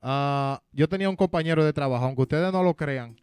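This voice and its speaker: Dominican guy on a tv talk show, high smooth voice, dry studio sound, handheld mic. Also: fairly quick, no echo. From Dominican Republic. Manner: energetic, animated storytelling. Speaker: musician guest. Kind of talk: casual interview chat. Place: TV studio with green backdrop.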